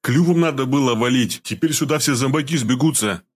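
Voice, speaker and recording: A man's voice: mid-range voice, a little fast, voice pushed up, close to an everyday voice. A man reading an audiobook, voicing a fat, coarse male thug who talks in crude slang and mocks others. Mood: mocking, coarse.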